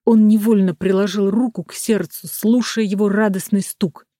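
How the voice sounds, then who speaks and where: Measured storyteller reading a fairy tale. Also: mid-range voice, fairly even intonation, mellow, no echo, clean studio sound. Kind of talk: scripted narration of a fairy tale.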